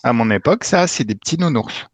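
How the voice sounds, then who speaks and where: A man's voice: medium pitch, lively intonation, a little fast, breathy edge, dry recording. A man leading a hypnosis session, commanding and emphatic, with casual swearing. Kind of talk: guided regression session.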